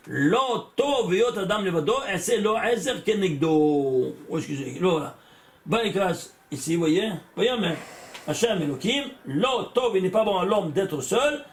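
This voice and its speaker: An older man teaches a Torah class in a high voice that climbs and falls a great deal. He throws questions at his listeners and answers them himself, and he repeats words as he goes. The delivery is animated and full of emphasis. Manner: repeats words and restarts phrases. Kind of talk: Torah lesson with gematria.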